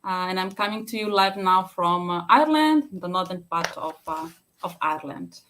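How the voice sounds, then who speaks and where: A woman's voice: fairly low pitch, moderate pace, a bit bright, a little hiss or hum. A woman from Fiji speaking on a live stream from her home, talking hesitantly with many fillers and restarts.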